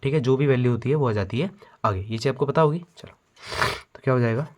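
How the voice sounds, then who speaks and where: A man teaching a physics problem step by step while he writes, often checking that the students follow. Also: mid-range voice. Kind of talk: step-by-step math lesson over handwritten notes.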